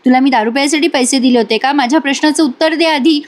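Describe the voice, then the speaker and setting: A determined male doctor who speaks calmly and firmly, as a woman reads his lines. The voice stays high-pitched and plainly read, like a storyteller quoting a TV serial character. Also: fast talker, natural voice.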